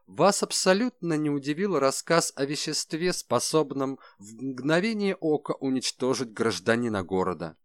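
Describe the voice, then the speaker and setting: A man voicing a shrewd, calm detective who speaks in a measured, ironic way, in an audiobook. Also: mid-range voice, no room sound, clean studio sound, voice pushed up, natural voice.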